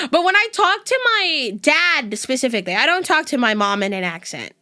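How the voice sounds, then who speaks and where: Her voice is high-pitched and swings widely in pitch, bright and forceful at a normal speed. She's a young West Coast VTuber with a neutral American accent, laughing a lot while chatting casually with viewers.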